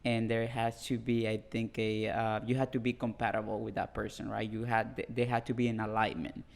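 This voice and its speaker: Gravelly man in earnest podcast chat. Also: fairly low pitch, level tone. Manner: earnest, halting, with repeated restarts. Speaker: podcast co-host. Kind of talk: casual podcast conversation.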